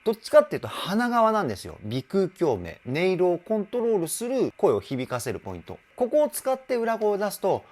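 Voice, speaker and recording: A male vocal coach analyzing a singer's cover, chatty and excitable, who apologizes for getting carried away and breaks into short sung demonstrations. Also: high voice, fairly quick, hardly any pauses. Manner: excitable, chatty and self-deprecating. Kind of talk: song reaction and vocal analysis.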